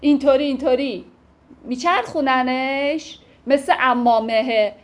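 A woman teaching classical poetry, reciting verses and then explaining them in a casual, conversational way. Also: high-pitched. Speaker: literature teacher.

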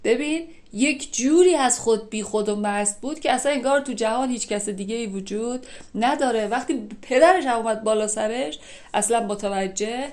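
A woman teaching classical poetry, who reads verses slowly and then explains them in lively everyday speech. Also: on the high side. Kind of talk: conversational poetry lesson.

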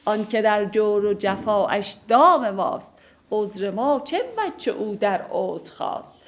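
A woman recites classical verse, then explains it line by line in lively, everyday speech. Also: medium pitch. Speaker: teacher explaining classical poetry.

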